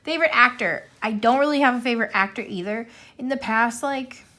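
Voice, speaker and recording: Brisk and pitched on the high side, her voice has a bright, forceful tone. This woman in her thirties is a YouTuber answering a tag questionnaire, chatting casually to camera as she colors in a rambling, self-deprecating way packed with fillers.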